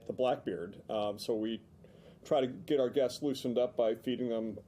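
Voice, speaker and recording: A man's voice: medium pitch, moderate pace, dark tone. Rambling middle-aged man telling a story. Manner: rambling storyteller with fillers and restarts. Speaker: podcast co-host and guest. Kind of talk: casual interview chat.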